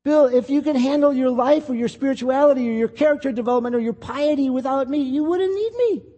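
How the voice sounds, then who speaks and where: A man's voice: very high voice, fast talker, warm tone, lo-fi sound, voice pushed up. A man voicing God's still small inner voice, firmly urging a doubting preacher to stop whining and trust. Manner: rising, urgent exhortation. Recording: long hall reverb.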